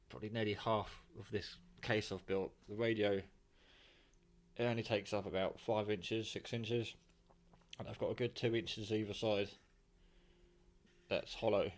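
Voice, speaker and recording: In his home kitchen, a British hobbyist vlogger shows off the radio he built, talking off the cuff in a rambling, informal, mildly sweary way. His fairly low voice holds a steady tone at a moderate pace.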